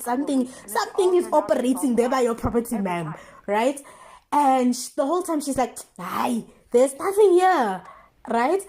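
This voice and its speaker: A young South African woman with a slightly high voice chats casually as a vlogger, retelling stories in an animated, slangy way. She fills her chatty commentary with exclamations and rhetorical questions.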